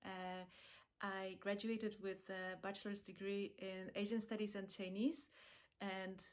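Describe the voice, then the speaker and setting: A woman from Poland who leads accessibility work, giving a calm, measured talk in a pre-recorded video with frequent small pauses. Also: mid-range voice. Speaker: accessibility program lead.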